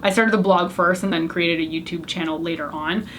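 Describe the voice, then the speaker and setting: In a casual Q&A tag video, a young woman who grew up speaking French answers questions to the camera, chatty, candid, and poking fun at herself. She's a beauty YouTuber with a fairly low, somewhat bright voice, fairly even intonation, and a brisk pace. Slight background noise is audible.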